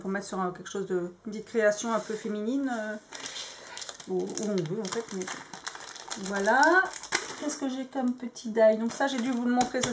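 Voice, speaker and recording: A woman's voice: a little high, background noise. A woman vlogging in French, casually showing crafting dies with lots of hesitant fillers. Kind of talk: casual show-and-tell.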